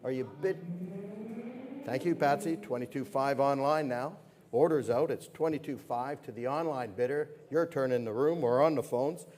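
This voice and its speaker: At a live sale, a male fine art auctioneer calls bids in brisk, repetitive salesman's patter, repeating the bid figures over and over. His voice sits in the mid range with a darkish tone, and there's a little hiss or hum in the recording.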